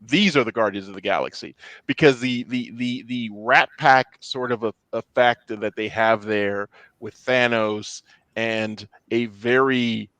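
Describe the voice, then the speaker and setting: A man's voice: mid-range voice, unhurried, fairly bright tone, dry recording, poor audio. A man co-hosting a casual pop-culture discussion, talking hesitantly with many fillers and restarts. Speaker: podcast co-host.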